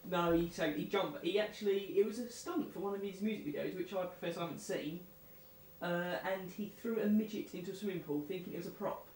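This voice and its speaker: A man with a notably high voice trades dry, offhand jokes as co-host. The sound is roomy and far from the mic, with faint hiss behind. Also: fast talker, darkish tone. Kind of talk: casual chat.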